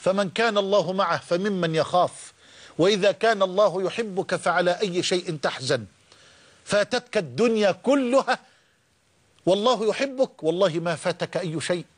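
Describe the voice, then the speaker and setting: Egyptian preacher guy, high voice, gets fired up repeating himself, slows way down for verses. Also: expressive. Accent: Egyptian Arabic. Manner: impassioned, rising emphatic repetitions; slow drawn-out recitation of scripture. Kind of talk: sermon.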